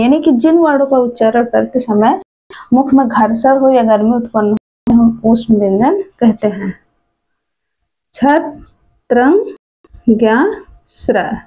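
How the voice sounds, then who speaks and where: A woman's voice: on the high side, warm tone. A woman teaching a Hindi grammar lesson for exam preparation. She recites letters one at a time and asks questions that she answers herself. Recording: dull lo-fi recording.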